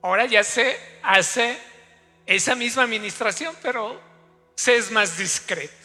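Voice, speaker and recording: A man's voice: extremely high pitch, a little slow, sharp tone. A man, preaching a sermon as pastor and telling a story straight to the congregation. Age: 50s. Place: church hall. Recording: long church hall reverb, faint music.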